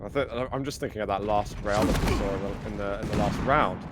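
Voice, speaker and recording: A man casting a live esports match with excitable, exclamatory play-by-play commentary. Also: lowish voice, fast talker, very noisy. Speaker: esports caster.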